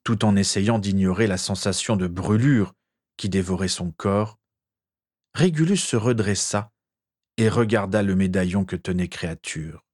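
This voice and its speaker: A man narrating a story in a measured, expressive storytelling manner. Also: deep voice. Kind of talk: dramatic story reading.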